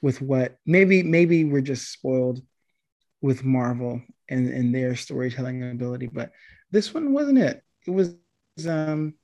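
A man's voice: mid-range voice, expressive, measured pace, a little mellow. A man chatting casually about a film he just saw, hesitant and meandering, with many ums and restarts. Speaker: movie review co-host. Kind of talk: casual chat.

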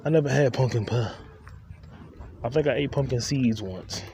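This is a young male podcast host with a warm, mid-range voice at normal speed, joking and rambling to himself on a solo walk. Street traffic hums behind the phone recording made on city streets.

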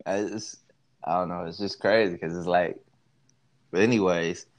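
A man's voice: low voice, fairly even intonation, normal speed. A young man chatting casually as a co-host, slangy and joking, in the easy manner of a guy talking with his bros. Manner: laid-back bro talk, slangy, joking.

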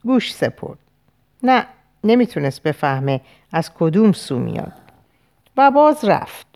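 A woman narrating a dark novel as an audiobook, slow and grave, with weighty pauses. Her voice sits low but moves widely and expressively between lines. The reading is deliberate and dramatic. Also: sing-song.

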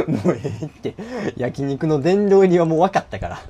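A young man with a Kansai accent, co-hosting a casual chat at home, bantering and quick to laugh and protest. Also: fairly high pitch, very animated, a crowd in the background. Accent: Kansai Japanese. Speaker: podcast co-host.

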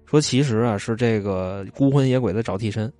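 A man's voice: lowish voice, fairly quick, mellow, no room sound, faint music behind. Chatty man telling stories. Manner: chatty, retells stories with loose asides. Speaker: storyteller. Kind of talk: casual storytelling chat.

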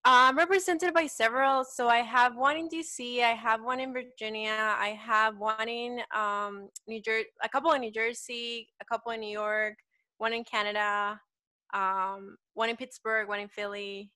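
A woman's voice: fairly high pitch, steady tone, normal speed, pushed and bright, no room sound. A woman in her twenties from El Salvador with a Salvadoran Spanish accent, chatting casually as an interview guest and saying "like" a lot. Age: 20s. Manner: chatty, uses "like" often. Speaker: guest, petite model.

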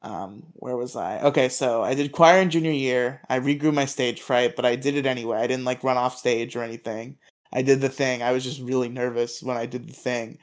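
A man's voice: mid-range voice, fairly even intonation, brisk. A man co-hosting a podcast, telling long rambling stories in casual chat and stammering often. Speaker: podcast co-host.

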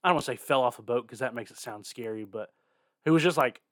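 A man's voice: medium pitch, fast talker, a bit bright, dry recording, studio quality. A young man hosting a casual podcast over a call, rambling, swearing freely and chuckling. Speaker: podcast host.

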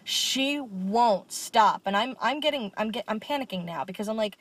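A woman's voice: fairly high pitch, expressive, moderate pace, a bit bright. A young woman co-hosting a podcast, telling stories candidly and swearing freely in casual chat. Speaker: podcast co-host.

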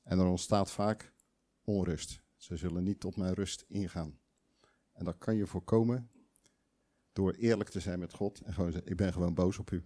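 A man's voice: sits low, fairly even intonation, moderate pace, warm tone. A man preaching a sermon in a conversational, emphatic way, putting questions to the audience and acting out quoted voices.

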